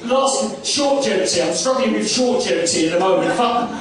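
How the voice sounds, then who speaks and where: Brash high-voiced comedian on an echoey stage. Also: male voice, animated, normal speed. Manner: brash, profane, self-mocking. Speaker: stand-up comedian. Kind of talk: stand-up routine. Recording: echoey live room from far off, crowd. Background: audience laughter.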